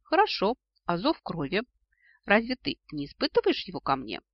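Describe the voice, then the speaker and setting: Sharp-tongued young heroine voiced by a man, bright and lively, lo-fi dry recording. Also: sits high, normal speed, no echo, voice pushed up, heavily acted. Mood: cheeky. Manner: teasing, cheeky retorts. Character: cheeky young woman, bold and sharp-tongued.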